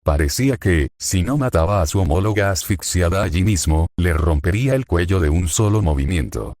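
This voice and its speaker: A synthetic male voice narrating a fan-fiction story in an even reading, speaker tags and notes read aloud. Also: sits low, a little fast, dry recording, clean studio sound.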